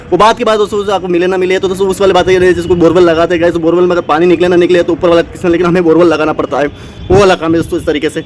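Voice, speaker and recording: A man's voice sits high against slight background noise. He's a motivational channel host giving exam students an unscripted pep talk that meanders, full of fillers and restarts.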